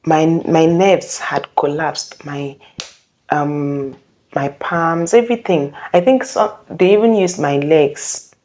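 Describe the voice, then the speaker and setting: A young woman with a low, mellow voice tells her own story to the camera. She speaks earnestly, pauses often, and corrects herself as she goes. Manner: earnest, halting, with frequent self-corrections. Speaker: vlogger sharing a personal testimony. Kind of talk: casual personal storytelling.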